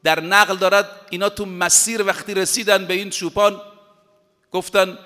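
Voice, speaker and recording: A male preacher delivering a sermon with emphatic conviction, drawing out his Arabic quotations word by word. His voice sits high and sounds bright and forceful. The sound rings with a long reverb, as if from a large hall. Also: little pitch movement. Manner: emphatic, recites Arabic quotations slowly and deliberately.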